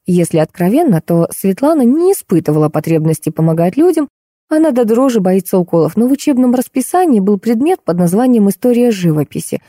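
Woman reading an audiobook, calm and even, super mellow dark tone, dry close mic. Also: mid-range voice, no room sound. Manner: even, measured storytelling. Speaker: audiobook narrator. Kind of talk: scripted narration.

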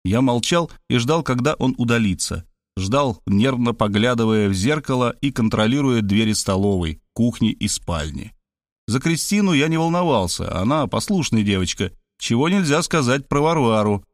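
An audiobook narrator reads a first-person story expressively, in a mid-range voice at a moderate pace. The studio-quality recording has no room sound.

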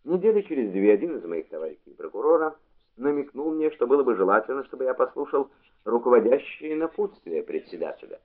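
A man reading a memoir aloud as an audiobook narrator, in a measured literary delivery, on a tinny phone-like recording. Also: medium pitch, big pitch swings.

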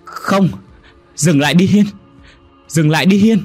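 A man voicing a guilt-ridden young man who shouts in panic and stammers in a storybook horror tale. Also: sits high, unhurried, faint music behind, voice pushed up. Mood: terrified.

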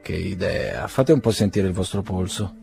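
A man's voice: low-pitched, normal speed, creaky, a little mellow, faint music behind. A man voicing a blunt, teasing young doctor in a storybook reading.

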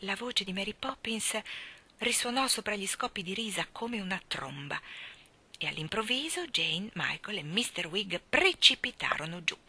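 A woman reading a children's book aloud with even, clear storytelling. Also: medium pitch, moderate pace. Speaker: reader.

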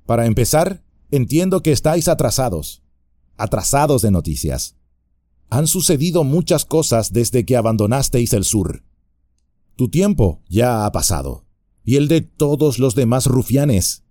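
A man voicing a calm, firm hobbit leader in an audiobook, measured and steady. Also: mid-range voice, dry recording, studio quality, pitched above the performer's own voice.

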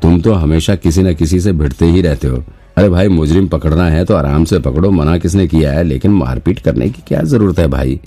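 A man's voice: low voice, animated, a little fast, warm tone. A man reading the part of a cheerful young woman doctor who teases and stammers a little as she chats. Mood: scolding.

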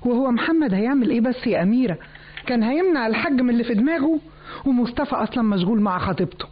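An actress playing a scheming, gossiping Egyptian daughter-in-law in a radio drama. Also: female voice, fairly high pitch, lively intonation, racing, breathy edge. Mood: gossipy. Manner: insinuating, gossipy. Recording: dull lo-fi radio recording.

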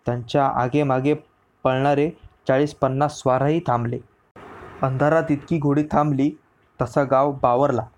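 A man reads a historical story aloud as an audiobook, narrating in a steady storyteller manner. His pitch is medium and his pace moderate.

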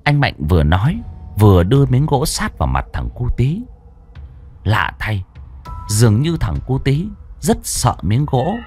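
A man narrating a village horror story in a dramatic reading style, slowing down for suspense. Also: medium pitch, big pitch swings, a little mellow, soft background music. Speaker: audiobook narrator.

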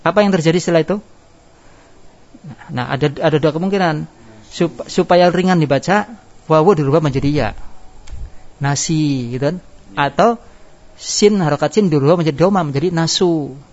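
A man's voice: on the high side, moderate pace, long pauses, a little mellow. Man teaching grammar, dull lo-fi recording. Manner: explains step by step, asks the class questions and answers them himself. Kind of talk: classroom lesson.

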